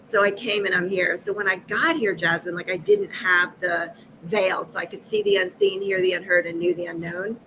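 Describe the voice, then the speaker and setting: A woman in her fifties from Massachusetts, a guest on a live video chat, telling stories with lively acted-out dialogue and frequent laughter. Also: medium pitch, normal speed, hardly any pauses, background noise. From Massachusetts, USA. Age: 50s. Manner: lively, acts out quoted dialogue, laughs often. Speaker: guest, energy healer. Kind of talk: animated storytelling in a live chat.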